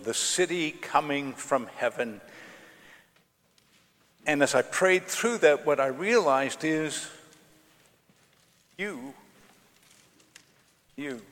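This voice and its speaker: A man's voice: medium pitch, a bit bright. A man preaches an informal, personal sermon, repeating phrases for emphasis, in a large echoing church. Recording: reverberant church hall.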